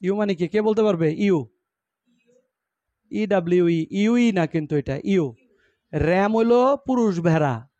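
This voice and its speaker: A man's voice: high voice, measured pace, pauses often, mellow, no room sound, lo-fi sound. A man from Bangladesh teaching an English grammar class with a Bangladeshi accent, explaining in Bengali mixed with English and quizzing his students. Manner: explains in Bengali, mixing in English words and example sentences; asks the class questions and repeats answers.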